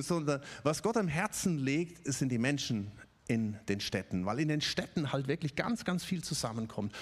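A man from the Stuttgart region preaching a conversational sermon, with many fillers and little tag questions. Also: on the high side. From Ludwigsburg area, Germany.

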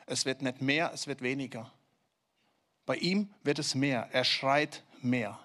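A man preaching a sermon in a conversational way, asking listeners direct questions and dropping low and slow for emphasis. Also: fairly bright tone.

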